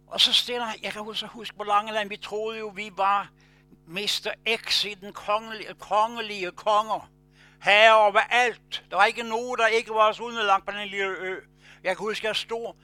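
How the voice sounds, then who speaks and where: Bright high-voiced Danish preacher. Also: male voice. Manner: swings between loud emphatic bursts and low quiet asides, storytelling. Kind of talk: sermon.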